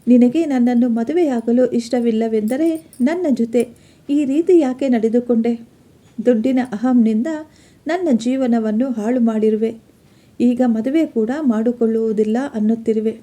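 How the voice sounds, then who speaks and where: A woman's voice: a little high, measured pace, dark tone. A woman voicing a betrayed young student, pleading and accusing.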